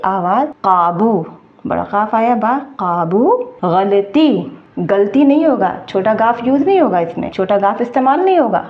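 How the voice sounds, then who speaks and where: A woman teaching an online Urdu lesson, patiently repeating words slowly, with many fillers. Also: medium pitch, lo-fi sound.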